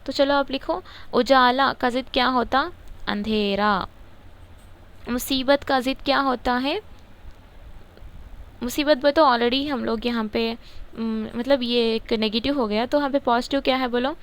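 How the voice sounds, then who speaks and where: A woman's voice: on the high side, steady tone, long pauses, clear, resonant tone. Woman teaching grammar. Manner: repeats words, asks and answers her own questions. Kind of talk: casual grammar lesson explaining a textbook.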